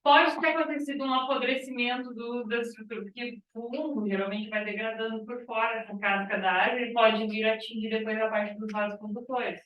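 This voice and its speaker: A woman's voice: on the high side, steady tone, brisk, hardly any pauses, highs cut off. A female biology teacher lecturing a class, explaining step by step and checking in with "tá?". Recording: echoey classroom, far from mic.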